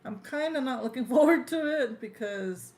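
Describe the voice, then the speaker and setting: A woman's voice: high-pitched, animated, moderate pace, darkish tone. A woman, chatting casually as a live stream co-host. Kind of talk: casual chat. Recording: clearly noisy, with room ambience.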